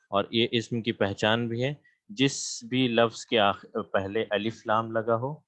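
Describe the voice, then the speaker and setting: Here a man with a lowish voice delivers an online Arabic grammar lecture using screen share. He patiently repeats terms and keeps checking with his students, heard through a computer mic on a video call without any echo.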